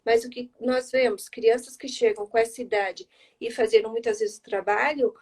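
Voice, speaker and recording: A woman's voice: a little high, steady tone, normal speed, heavy background noise. A woman educator on a live stream, explaining with rhetorical questions and answering viewers' questions by name. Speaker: speech therapy educator. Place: home, live video stream.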